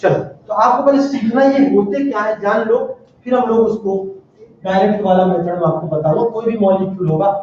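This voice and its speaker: A male chemistry teacher lectures with animated energy, firing questions at his class. His voice sits high and mellow. It is recorded from far off in a very echoey classroom, with a dull, muffled sound and faint background noise. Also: normal speed. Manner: animated, calls out questions to students. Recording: very echoey room, distant dull mic.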